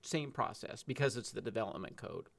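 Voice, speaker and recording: A man's voice: fairly low pitch, expressive, vocal fry. Man explaining planning procedure. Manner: measured, technical, with frequent ums. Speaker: city planning director. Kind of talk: explaining procedure at a council meeting.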